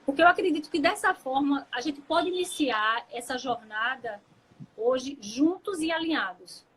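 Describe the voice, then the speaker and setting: A woman's voice: sits high, lively intonation, normal speed, a bit bright, poor audio. A woman hosting a talk show, asking questions and reacting with enthusiasm. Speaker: host.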